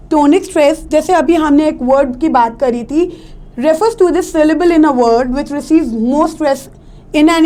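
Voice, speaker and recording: A woman teaches a lesson, switching between Hindi and as she goes. Her voice sits high and her delivery is slow and deliberate. She keeps checking that her students are following. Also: warm tone. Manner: mixes Hindi and English, asks checking questions. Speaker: English teacher. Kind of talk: classroom lecture.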